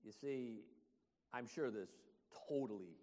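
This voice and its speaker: A man's voice: medium pitch, warm tone, in a large hall. A male pastor preaching a sermon, asking the congregation questions and laughing often. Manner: slow, emphatic, laughs often. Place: church.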